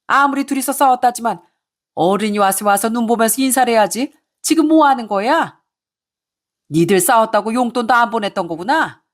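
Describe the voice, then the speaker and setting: Bossy older mother-in-law, shrill and nagging, put on by a woman storyteller. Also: animated, fairly quick. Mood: scolding. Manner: scolding, nagging, raised voice.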